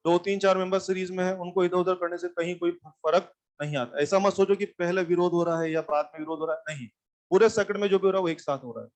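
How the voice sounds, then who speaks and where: High-voiced Hindi-speaking physics teacher. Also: male voice, fairly even intonation, quick pace, darkish tone. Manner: addresses students directly, repeats points, tells them to sit and listen. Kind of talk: classroom lecture. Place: classroom with live students.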